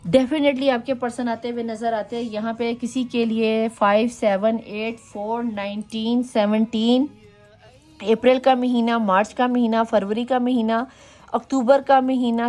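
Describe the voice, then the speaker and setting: Female tarot reader, Pakistani accent, friendly coaxing chatter, mellow tone. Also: fairly high pitch. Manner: chatty and coaxing, mixes English phrases into Urdu. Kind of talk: casual tarot reading to viewers.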